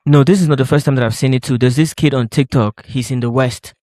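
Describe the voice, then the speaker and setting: A man from Cameroon co-hosting a podcast, telling stories in a lively, emphatic way in casual chat. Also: mid-range voice, fast, dry recording, clean studio sound. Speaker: podcast co-host.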